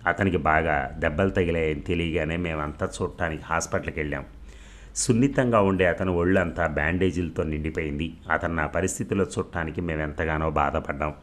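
A man reading a novel aloud as an audiobook storyteller, in a calm, measured way. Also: rumbling low.

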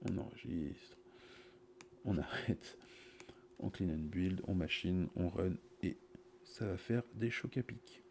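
Low, creaky man coding, cheap USB mic. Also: slight background noise. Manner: halting, muttering to himself while working. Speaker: programmer giving a live coding demonstration. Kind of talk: casual, improvised coding commentary. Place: small indoor room at a computer. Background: computer keyboard typing.

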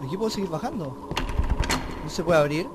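A young man with a Chilean accent giving let's play commentary, cursing nonstop and breaking into panicked yells. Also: fairly high pitch, animated, a little fast, heavy background noise. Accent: Chilean Spanish. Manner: swears constantly, bursts into panicked yelling. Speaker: gamer. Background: horror game music and sounds.

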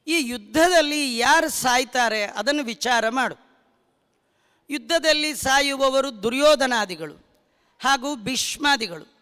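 High-voiced preaching man, slow and bright. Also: clear, resonant tone. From Bangalore, India. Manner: preaching, quotes Sanskrit verses. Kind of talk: religious discourse. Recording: hall reverb.

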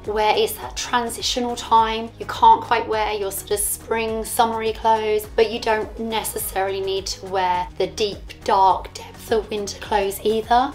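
A woman with a croaky voice, giving casual fashion advice as a vlogger. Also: mid-range voice. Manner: friendly advice-giving, chatty. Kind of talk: casual talk to camera.

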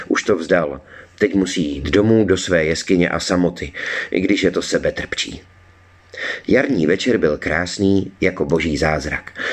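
A man with a deep, low voice reads a children's storybook aloud. His delivery is calm and measured. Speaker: audiobook reader. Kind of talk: storybook narration.

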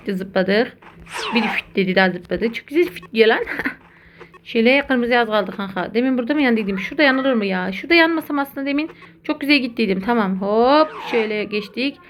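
High-voiced excitable woman gamer. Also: slight background noise. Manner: excitable, chatty, addresses viewers as buddies. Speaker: gaming content creator. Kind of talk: casual gameplay commentary.

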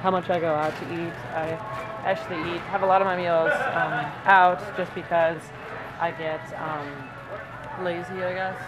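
A man's voice: sits high, fairly even intonation, measured pace, low-quality recording. A man in his twenties chatting casually while shopping in a grocery store, thinking aloud with ums as he reads labels, recorded on a handheld camera. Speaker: vlogger. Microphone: handheld camera mic.

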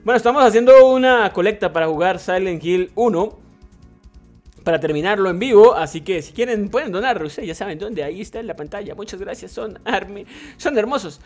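A man streaming a retro shooter live, excitable and swearing, reading chat messages aloud. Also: high-pitched, fairly quick, faint music behind. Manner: excitable, swearing, laughing, mixing English slang. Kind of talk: live gameplay commentary.

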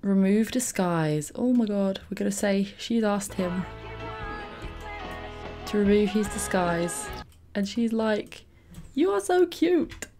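A woman commenting on a game she is playing, gushing and giggly with excitement. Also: medium pitch, slow, pauses often, faint music behind. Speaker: gaming YouTuber. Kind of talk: let's play commentary.

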